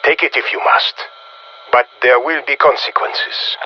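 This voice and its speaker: An actor playing a stern, disdainful Russian colonel in a video game, giving curt, menacing orders in a Russian accent over a military radio. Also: male voice, medium pitch, fairly even intonation, measured pace, highs cut off. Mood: commanding. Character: stern, disdainful Russian colonel, a scheming Cold War commander. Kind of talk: video game character voicelines.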